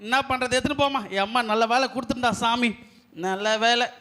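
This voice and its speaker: Puppet role: man playing a frantic, whiny delivery guy, very high, bright and sharp voice. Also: steady tone, a little fast, a little hiss or hum. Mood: comic. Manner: loud, comic, frantic yelping and groaning. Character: bumbling comic delivery man searching for someone. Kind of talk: church puppet show.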